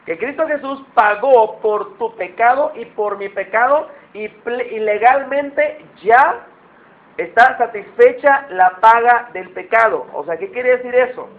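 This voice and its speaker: A man's voice: extremely high pitch, a little slow. A man preaching a conversational sermon, often asking his listeners questions. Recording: tinny phone-like sound.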